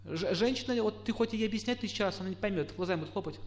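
A middle-aged man giving a lecture, putting questions to his listeners and acting out quoted spouses in lively asides. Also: sits high, very fast. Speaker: astrologer lecturer. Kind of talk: lecture to a live audience.

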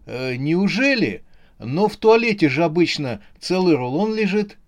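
A man's voice: fairly high pitch, big pitch swings, measured pace, voice pushed up. A man voicing a timid, polite young hitman. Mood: puzzled. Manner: hesitant, polite.

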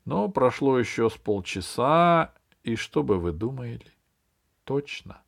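Slow, expressive male storybook reader. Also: mid-range voice, vocal fry. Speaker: audiobook reader. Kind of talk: expressive first-person storybook narration.

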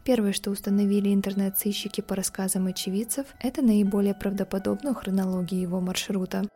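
A woman narrating a scripted true-crime podcast as its host, in a measured storytelling read. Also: medium pitch, dark tone. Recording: music behind the voice. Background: background music.

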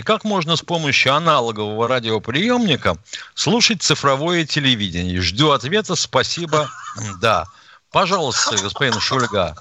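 A man's voice: medium pitch, pushed and bright. A male radio co-host who reads listener questions aloud and answers them sarcastically. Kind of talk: call-in radio talk.

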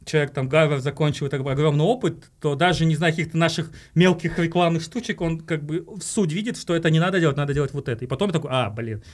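A man's voice: a little high, quick pace, few pauses. A man from Uzbekistan, a marketing director, talking as a podcast guest and explaining his views at length, often calling his listeners "guys". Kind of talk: casual interview talk.

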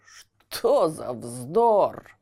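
A woman doing a gruff blustering puppet master. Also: low voice, big pitch swings, dark tone, heavily acted. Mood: puzzled. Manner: barking, grumbling, slow.

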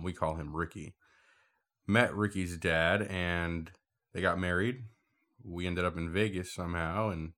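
A man's voice: low-pitched, a bit bright. A man from Puerto Rico, a podcast guest, talking in a dry, teasing, matter-of-fact way. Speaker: guest, host's older brother. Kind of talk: casual podcast chat.

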